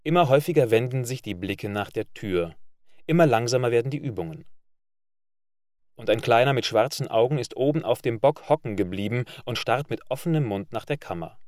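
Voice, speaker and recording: A man narrating a literary story in a measured reading voice. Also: mid-range voice, expressive, no echo, clean studio sound. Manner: measured reading, loud barked commands for characters.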